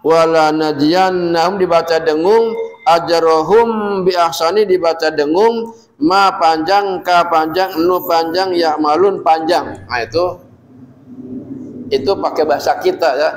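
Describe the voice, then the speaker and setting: A man teaching Quran recitation rules to a class of women, patiently quizzing them and chanting the verses slowly. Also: a little high, poor audio.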